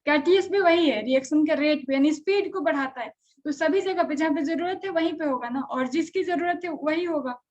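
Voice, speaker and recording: A high-voiced woman teaches a chemistry lesson and keeps stopping to ask her students whether anything is unclear. The sound is dull and lo-fi. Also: fairly quick, darkish tone. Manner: conversational, checks on students often. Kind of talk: live online class lecture.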